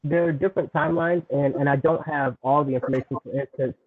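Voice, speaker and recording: A man's voice: a little high, fairly even intonation, quick pace, slightly rough, dry recording. A man, a city official, answering questions at a public meeting on a video call, hesitant with frequent restarts. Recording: tinny phone-like video call audio.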